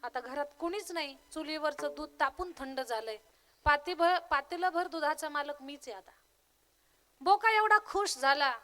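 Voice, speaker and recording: During a devotional sermon, a young kirtankar woman from Maharashtra tells a story in a lively, humorous way. Her voice sits high and she speaks at a moderate pace.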